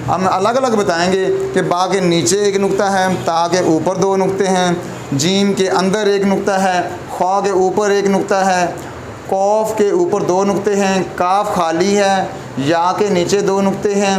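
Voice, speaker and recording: Male Quran teacher at a whiteboard, fairly high voice, patient and repetitive; echoey room, audible background noise. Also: flat delivery, measured pace. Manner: patient, repeats points, often checks with "theek hai". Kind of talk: whiteboard lesson on letter pronunciation.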